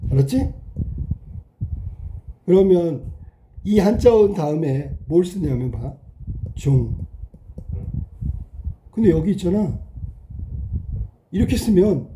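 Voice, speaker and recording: A male teacher lecturing a class in a very dark, mellow voice. He keeps checking understanding with quick questions. A faint hiss sits under the recording. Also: a little high. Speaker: Korean language teacher. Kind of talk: classroom lecture, explaining while writing.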